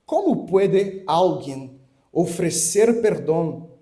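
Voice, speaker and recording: A man with a Chilean Spanish accent, a pastor preaching a sermon, reading scripture in a deliberate, measured way before telling a story. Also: on the high side, lively intonation, mellow.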